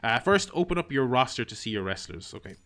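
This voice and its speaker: A man talks through a mobile game on a stream in a bright, forward voice of medium pitch. He reads the tutorial text aloud and fills the gaps with wry, self-deprecating asides and plenty of ums and uhs. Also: sing-song, fast talker. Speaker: gaming streamer.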